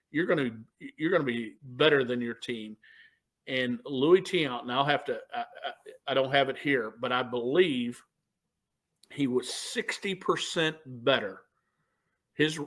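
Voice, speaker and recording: A man from Missouri with a voice of middling pitch. He builds his case point by point in emphatic, casual talk on a panel. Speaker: panel guest.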